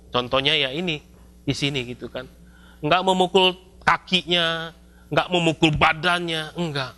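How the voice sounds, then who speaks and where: A male pastor, preaching a sermon in a lively, storytelling way with casual slang. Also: medium pitch. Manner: lively storytelling, acts out scenes with shouts and mock voices; casual colloquial Jakarta-style slang mixed in.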